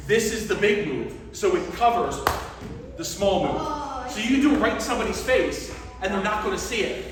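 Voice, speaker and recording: A high-voiced stage combat instructor leads a hands-on workshop for a group, explaining each step and checking that they're following along. He's in a large indoor hall that sounds very echoey, recorded from a distant microphone with background noise.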